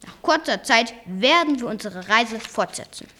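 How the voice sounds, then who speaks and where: A young reader voicing a calm, stern old professor uncle in a storybook reading, speaking slowly and evenly. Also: female voice, fairly high pitch. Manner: slow, calm and measured. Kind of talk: read-aloud storybook voice.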